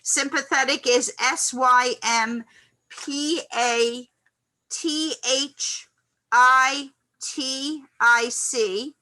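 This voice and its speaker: A woman teaching a college psychology class in a classroom, animated and acting out loud reactions as she explains. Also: high-pitched, very slow, poor audio. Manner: animated, acts out quoted reactions loudly. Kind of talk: classroom lecture.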